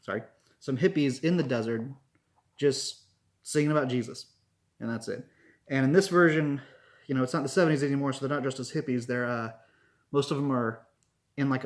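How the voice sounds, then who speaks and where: A man giving a casual spoken review, rambling with many "like"s and "um"s and restarting his sentences. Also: mid-range voice. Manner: rambling, lots of fillers and restarts.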